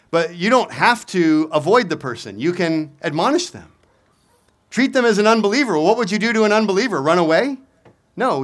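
A man's voice: a little high, a bit bright. A middle-aged male pastor preaching a sermon at an outdoor lectern, driving his points home with rhetorical questions and emphatic repetition. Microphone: stand mic on lectern.

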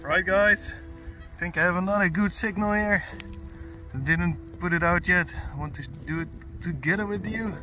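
A man giving excited casual commentary outdoors in a field as a metal detectorist, often whooping and laughing. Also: sits high, normal speed, over music.

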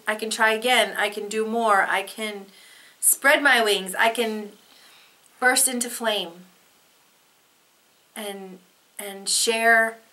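A woman vlogging casually to the camera, earnest and enthusiastic, with casual swearing, her voice going a little hoarse. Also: mid-range voice, bright, forceful tone.

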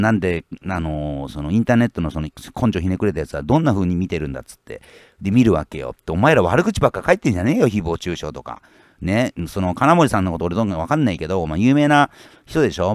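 A low-voiced man rants at his commenters in a blunt, scolding way. His pitch swings widely as he rambles between fillers. The sound is close and dry. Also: no room sound. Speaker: fishing YouTuber. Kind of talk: casual rant reading out viewer comments.

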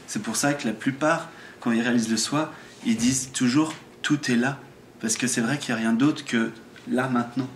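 A man's voice: medium pitch, slight background noise. French man explaining in a roomy space. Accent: French from France. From France. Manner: earnest explaining with frequent stammered restarts. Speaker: spiritual teacher. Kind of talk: satsang talk on awakening.

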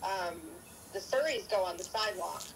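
A woman's voice: mid-range voice, normal speed, gravelly, slightly rough. A woman who runs a rental store, talking by speakerphone on a casual business call, asking questions with hesitant fillers. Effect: heard over a speakerphone. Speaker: golf cart rental store owner. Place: remote, on a phone call.

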